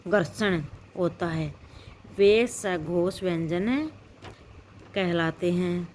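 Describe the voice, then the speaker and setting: A woman's voice: mid-range voice, a little mellow, a little hiss or hum. A woman teaching a grammar lesson, repeating herself and asking and answering her own questions.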